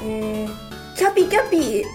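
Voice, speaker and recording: A woman's voice: on the high side, very animated, unhurried, over music. A woman from Toyama co-hosting a casual radio chat, laughing often and joking at her own expense. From Toyama, Japan. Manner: laughing, self-deprecating banter. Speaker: radio show co-host.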